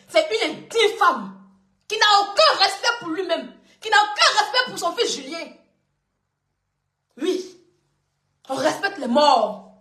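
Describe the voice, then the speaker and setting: A woman from West Africa mocks a rival to her viewers with a high, piercing voice, laughing between each jab and repeating her lines for effect. Her tone is bright and cutting, and the room around her rings with echo. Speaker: online personality doing a live clash. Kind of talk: taunting monologue to viewers.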